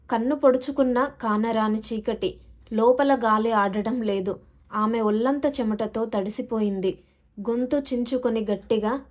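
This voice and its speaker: A woman narrating a suspense novel as an audiobook, raising her voice for the characters' frightened cries. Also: a little high. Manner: voices the characters' shouted lines with rising emotion. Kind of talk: dramatic novel reading.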